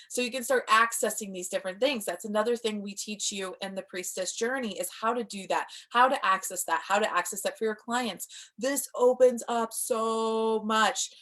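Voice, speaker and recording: Brief: woman, mid-pitch, chatty and enthusiastic, informal live-stream teacher. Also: a bit bright. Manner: enthusiastic, chatty, reads viewer comments. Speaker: spiritual teacher.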